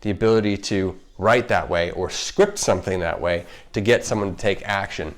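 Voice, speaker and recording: A man's voice: low voice, normal speed. A man with a slight lisp from wearing retainers, chatting casually and emphatically as he hosts an unscripted explainer vlog, often interrupting himself. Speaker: video host, marketer. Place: home kitchen.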